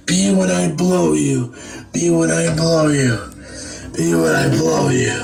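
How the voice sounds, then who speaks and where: Guy doing a raspy angry dude yelling threats, voice swings all over. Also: fairly high pitch, slight background noise, exaggerated voice. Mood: furious. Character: furious man scolding a thief. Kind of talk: amateur online drama.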